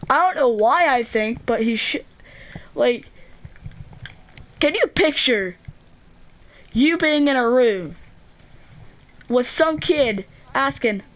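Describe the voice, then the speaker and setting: A woman's voice: high-pitched, animated, takes it slowly, long pauses, fairly bright tone, dull audio. A teenage girl hosting a gaming channel, telling a story in a rambling, casual way full of "like", restarts and swearing.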